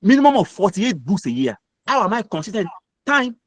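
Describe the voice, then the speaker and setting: A middle-aged man with a Nigerian accent delivers a motivational mentoring talk, hammering his points with repetition like a preacher. His voice sits fairly high for a man. The sound is dry, with no room echo. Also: very animated, brisk. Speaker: guest mentor speaker.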